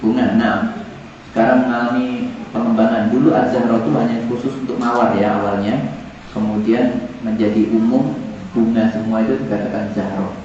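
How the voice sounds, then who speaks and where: A man's voice: lowish voice, steady tone, normal speed, darkish tone, a little hiss or hum. A man teaching Arabic vocabulary to a class, repeating words and joking with the students. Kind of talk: classroom lesson. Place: large echoey classroom. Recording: echoey, distant, dull room recording with students.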